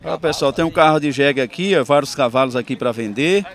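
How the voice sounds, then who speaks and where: A man's voice: mid-range voice, a little fast. A man hosting casual street interviews at an outdoor livestock fair. He talks in a chatty, upbeat way and speaks straight to his viewers. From Sergipe, Brazil. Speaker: host of a rural culture channel. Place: outdoor dirt fairground with animals. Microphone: handheld mic, phone camera.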